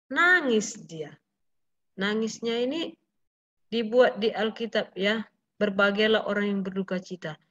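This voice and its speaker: A woman's voice: on the high side, fairly bright tone. A woman explaining a Bible verse earnestly, repeating key points and asking her listeners questions. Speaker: Bible teacher. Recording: muffled lo-fi recording.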